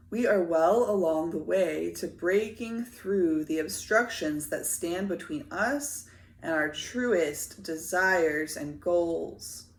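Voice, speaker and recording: A woman giving a casual tarot reading in a gentle, reflective way, with her morning voice. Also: fairly low pitch, gravelly, reverberant. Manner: gentle, reflective, reads card meanings aloud. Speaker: tarot reader.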